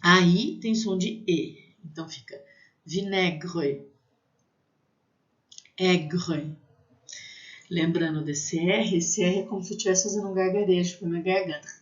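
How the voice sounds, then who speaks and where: A woman from Brazil teaching technical French to pastry students, spelling out sounds slowly and often checking in with "né?". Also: on the low side, steady tone. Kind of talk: language lesson for pastry students. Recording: slightly dull lo-fi recording.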